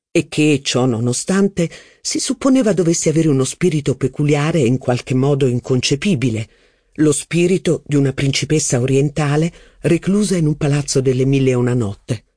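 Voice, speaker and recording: A man's voice: a little high, no echo, clean studio sound. Man reading a literary novel aloud. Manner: measured, even reading of long sentences. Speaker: audiobook narrator. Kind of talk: scripted literary narration.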